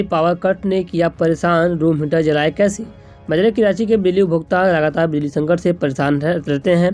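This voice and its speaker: Higher-pitched man reading breaking news over music. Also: darkish tone. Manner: stumbles and repeats words while reading. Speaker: news presenter.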